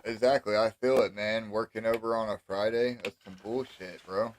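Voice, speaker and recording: Low-voiced laid-back young host. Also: male voice, fairly even intonation, normal speed, background noise. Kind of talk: casual podcast chat.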